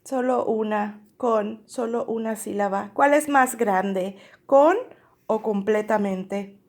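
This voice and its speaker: A woman teacher reading a picture book aloud to young children, stretching out words and counting their syllables. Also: medium pitch. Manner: slow, drawn-out syllable drilling with animated read-aloud emphasis.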